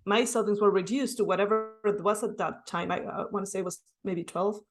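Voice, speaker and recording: Here a Mexican woman, English her second language and her accent Mexican Spanish, shares her story in a podcast interview. She sounds earnest and reflective, keeps dropping in "right?", and speaks a little fast in a mid-range voice with fairly even intonation.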